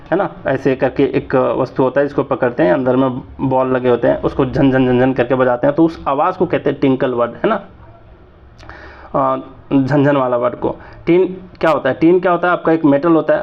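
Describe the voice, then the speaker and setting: A man in his thirties with a Jharkhand accent, teaching exam vocabulary in a chatty way and often checking that his listeners follow. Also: mid-range voice. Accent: Jharkhand Hindi. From Jharkhand, India. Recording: slightly dull lo-fi recording.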